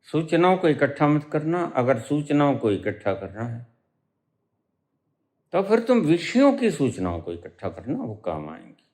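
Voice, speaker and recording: A middle-aged man giving a spiritual discourse as a teacher, preaching slowly and emphatically with dramatic pauses and rising stresses. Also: a little high, sing-song, a little mellow.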